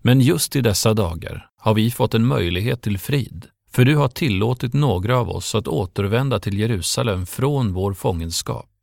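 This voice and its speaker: A man giving a scripted Bible reading in a measured, even pace. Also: lowish voice, gravelly, no room sound, studio quality. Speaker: scripture reader.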